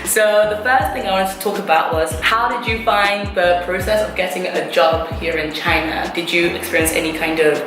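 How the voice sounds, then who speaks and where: A woman's voice: lowish voice, steady tone, fairly quick, few pauses. A young woman hosting a vlog conversation, leading the talk in a friendly way with questions. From England. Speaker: vlog host. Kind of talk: casual chat. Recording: echoey room with background music.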